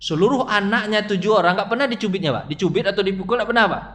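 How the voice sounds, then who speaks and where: A man's voice: high voice, racing. A middle-aged man preaching at a mosque study session, telling stories and putting questions to his audience. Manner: animated storytelling, asks the audience questions.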